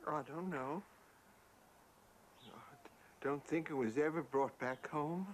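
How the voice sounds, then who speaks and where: A woman's voice: sits low, slow, slight background noise. An actress playing an older, sorrowful widowed mother, wistful and anxious, in a film drama. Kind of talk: naturalistic film drama acting.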